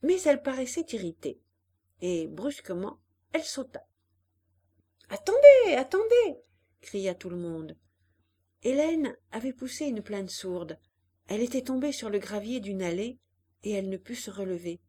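A woman narrating a classic novel as an audiobook, in an expressive, measured reading. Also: mid-range voice.

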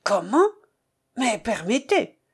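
A woman's voice: a little high, sing-song, slow pace, breathy edge, full character voice. A woman reading the lines of an older male banker who gives curt, clipped replies in a storybook reading.

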